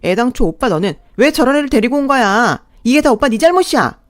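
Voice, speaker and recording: A woman's voice: fairly high pitch, sing-song, fast talker, no echo, studio quality, voice pushed up. A woman voicing a spoiled young sister-in-law who talks in a mocking, entitled tone in a radio drama. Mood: whiny.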